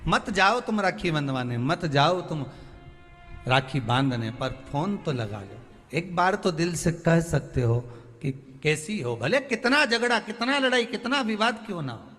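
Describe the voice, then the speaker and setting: A man's voice: fairly high pitch, big pitch swings, measured pace, bright, forceful tone. A man preaching a devotional sermon, pleading and emphatic, repeating phrases for stress. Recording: long hall reverb, faint music behind.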